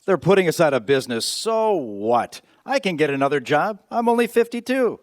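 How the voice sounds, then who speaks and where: An actor playing a folksy, excitable, bumbling uncle in his fifties in a radio play. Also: fairly high pitch, moderate pace, background noise. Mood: excited. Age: 50s. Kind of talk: live radio play acting.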